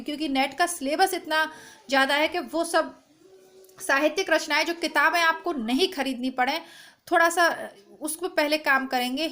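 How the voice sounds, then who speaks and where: Here a Hindi exam-prep teacher walks students through the exam syllabus in a chatty, comforting lesson to camera, addressing them directly. Her voice is high, hoarse and strained with a fairly bright tone, captured at home on a device's built-in mic.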